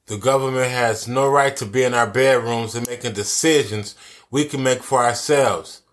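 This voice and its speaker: A man's voice: medium pitch, moderate pace, a bit bright. A man giving angry social commentary, cursing a lot and repeating his key phrases for emphasis. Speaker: commentary vlogger.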